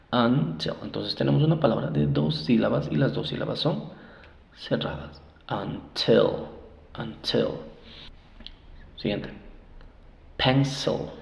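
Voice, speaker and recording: A man teaching English pronunciation, repeating each word slowly several times as a drill. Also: fairly low pitch, vocal fry, darkish tone. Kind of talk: phonics lesson. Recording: echoey room, dull lo-fi sound.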